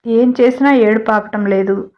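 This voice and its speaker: A woman's voice: on the high side, fairly even intonation, moderate pace, lo-fi sound, natural voice. A woman voicing a weary, tearful young mother who gave birth days ago and speaks weakly, in a storybook reading. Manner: weak, tired voice.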